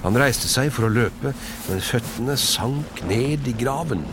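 A man giving an expressive, dramatic storybook narration. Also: medium pitch, a little hiss or hum.

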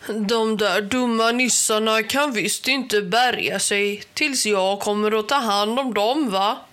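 A woman reading a storybook aloud, voicing a loud, taunting villainous male Christmas gnome chief. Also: mid-range voice, lightly acted. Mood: gloating.

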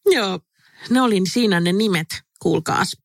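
A woman's voice: medium pitch, gravelly, dry recording, studio quality. A woman co-hosting a podcast in casual chat, giggling often and reading listener gossip aloud. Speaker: podcast co-host.

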